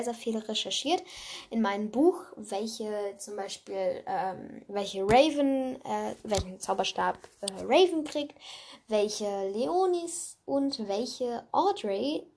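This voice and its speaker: A woman's voice: on the high side, a little mellow. A woman casually reading her own fan fiction aloud, with chatty asides and many fillers.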